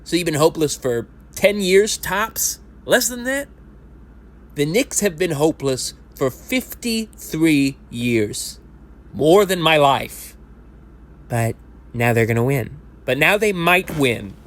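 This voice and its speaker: Acting in an amateur audio play, a thirty-something man voices a lifelong sports fan at a support group who wallows in self-pity, rambles, puts himself down, and occasionally erupts into indignant rants. His performance sits on the high side, above his natural voice, with lively intonation and a slow pace.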